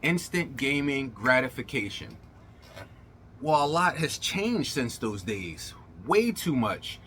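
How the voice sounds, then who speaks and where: This middle-aged man hosts a gaming channel, giving viewers a casual monologue with colloquial, emphatic showmanship and faintly slurred words, as if his mouth were swollen. He speaks slowly in a mid-range, very animated, somewhat bright voice. A little hiss or hum is audible.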